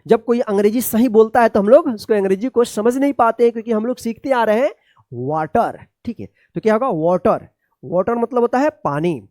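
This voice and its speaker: Soft-toned woman teaching English, step by step. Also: fairly high pitch, lively intonation, no room sound, studio quality. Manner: slow, spells letters out and repeats words with checking questions. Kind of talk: spoken-English lesson.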